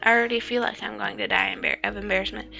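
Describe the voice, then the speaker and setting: A woman's voice: medium pitch, steady tone, fast, gravelly, bright, forceful tone, dull audio, faint music behind. A woman voicing a reluctant, self-conscious teenage boy who narrates the story in the first person. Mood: grudging.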